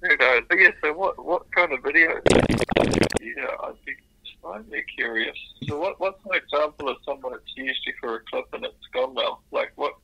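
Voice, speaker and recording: A man's voice: fairly high pitch, normal speed, gravelly, heavy background noise. A man talking casually as a marketer on a phone call, heard through a phone speaker. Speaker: marketer taking a sales call. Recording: dry, buzzy phone speaker.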